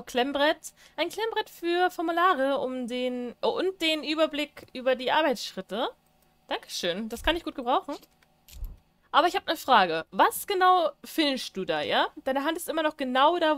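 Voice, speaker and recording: A woman's voice: sits high, fairly bright tone, no echo. A woman playing a horror game and commenting on it, chatty and teasing, reading on-screen prompts aloud and laughing often. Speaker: gaming YouTuber. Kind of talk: let's play commentary.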